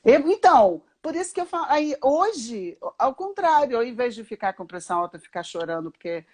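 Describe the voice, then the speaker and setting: A woman with a Brazilian Portuguese accent, a children's speech therapist speaking as a guest in a casual conversation, reflective and halting, with many restarts. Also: a little high, sing-song, a little mellow.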